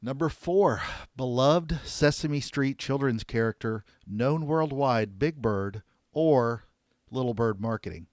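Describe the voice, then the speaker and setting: A man hosting a podcast, asking playful this-or-that questions and then giving a measured recap of advice. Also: mid-range voice, a little mellow, no echo, studio quality. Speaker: podcast host. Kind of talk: casual interview and scripted recap.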